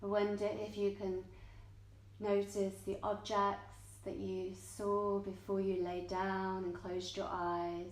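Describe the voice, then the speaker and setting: In a live class at an indoor yoga studio, a female yoga nidra teacher leads a guided meditation in a gentle, unhurried monotone at mid pitch. Her short, measured phrases of soothing instruction are spaced by long pauses, and the room gives off a noticeable echo.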